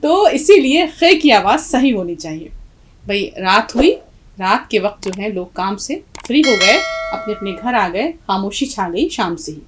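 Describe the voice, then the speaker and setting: A woman's voice: mid-range voice, big pitch swings, a little hiss or hum, rough recording. A middle-aged woman teaching a language lesson, patiently explaining letters and quizzing her students. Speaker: Urdu teacher.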